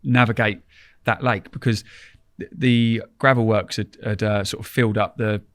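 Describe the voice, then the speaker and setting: Male podcast guest, fairly low voice, chatty colloquial anecdotes, dry sound. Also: fairly even intonation, normal speed, fairly bright tone, no echo. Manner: informal, colloquial, rambling. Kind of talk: casual anecdotal storytelling.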